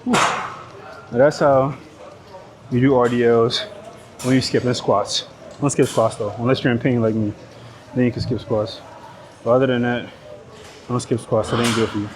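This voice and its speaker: The audio is poor, with a little hiss or hum, as a Nigerian fitness vlogger speaks at a moderate pace in a mid-range, steady voice, pausing often. With a Nigerian accent and English as his second language, he chats to the camera mid-workout in a slangy, joking, sometimes profane way. A clip-on body mic records him in a busy indoor gym, chatter audible behind.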